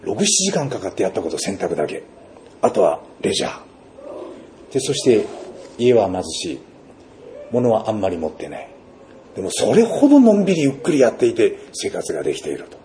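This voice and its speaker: A man's voice: on the low side, huge pitch swings, moderate pace, long pauses, mellow, slight background noise. A man, a pastor, giving a sermon in a storytelling manner, with rhetorical questions and vivid sound words.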